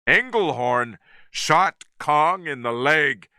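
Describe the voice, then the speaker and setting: A man reading a story slowly and clearly for English learners. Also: on the high side, animated, pushed and bright, dry recording, studio quality. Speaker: narrator.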